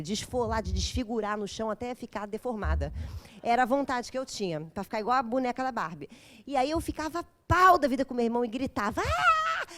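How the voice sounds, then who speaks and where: A woman giving an intense, dramatic talk at a parents' course, quizzing her audience as she goes. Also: a little high. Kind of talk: lecture to a live group.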